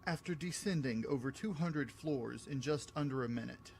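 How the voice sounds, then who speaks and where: A man narrating his own science fiction story in a steady reading voice. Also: medium pitch, normal speed, vocal fry, a little hiss or hum. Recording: soft music behind.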